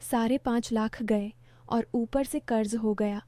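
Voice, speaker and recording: A woman's voice: fairly high pitch, fairly even intonation, measured pace, mellow, no echo, close to an everyday voice. A woman voicing a troubled young adult son in a spoken story, reading his lines evenly. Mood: remorseful.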